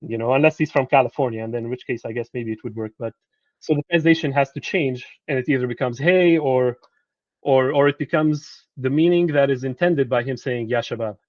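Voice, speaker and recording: A man's voice: medium pitch, fairly quick, no room sound, lo-fi sound. A man presenting a lecture on translation to students, speaking conversationally and often repeating words as he searches for them.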